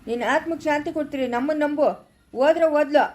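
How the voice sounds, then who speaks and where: A woman's voice: sits high, fast, a little mellow, natural voice. A woman playing a stern, dismissive male village healer, speaking blunt in an amateur village drama. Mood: scolding. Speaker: village pandit in a home-made drama.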